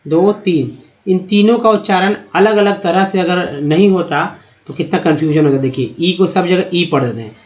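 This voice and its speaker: A man presents a lesson over slides in a high-set voice. He raises questions only to answer them, and slowly repeats words so their sound comes through.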